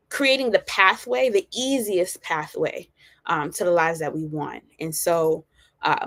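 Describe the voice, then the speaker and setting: A woman's voice: lowish voice, fairly bright tone, dry recording. Woman in her 40s doing a live advice talk, chatty and candid, lots of um and right. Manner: conversational, frequent "right?" tag questions; candid and personable, with fillers. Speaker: college planning advisor and host. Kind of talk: live-streamed informational talk.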